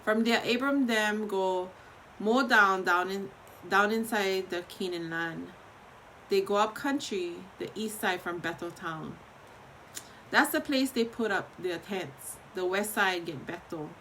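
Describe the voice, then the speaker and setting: Bright-voiced woman reading in Hawaiian Pidgin. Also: medium pitch, unhurried, slight background noise, low-quality recording. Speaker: host of a daily online Bible reading.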